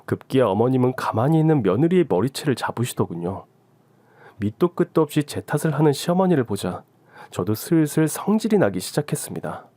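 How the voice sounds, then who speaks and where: A man's voice: mid-range voice, very animated, fairly quick, mellow, dry recording. A man narrating a first-person story for a radio drama channel.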